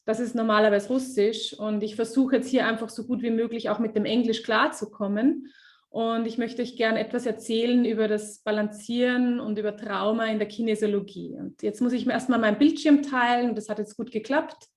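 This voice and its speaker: Hosting an online webinar, a woman interprets what her guest is saying, heard over a video call. Her pitch sits fairly high, and she moves quickly and energetically, with many fillers and restarted phrases along the way.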